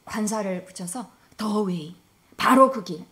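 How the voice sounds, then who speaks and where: A woman preaching a sermon in an earnest, emphatic manner, often dropping to a soft, hushed voice. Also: medium pitch, slow pace.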